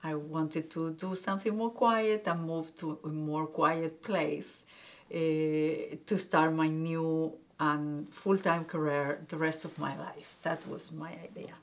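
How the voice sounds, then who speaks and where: A middle-aged woman from Argentina with an Argentinian accent, a native Spanish speaker, answering interview questions haltingly and searching for words with many fillers. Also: low voice, fairly even intonation. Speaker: guest, guesthouse owner.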